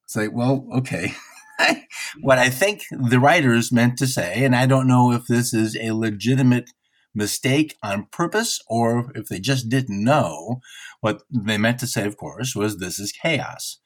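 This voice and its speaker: A man's voice: medium pitch, measured pace. A man hosting a casual interview, asking long rambling questions with many restarts. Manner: rambling, hesitant, restarts a lot. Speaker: podcast host.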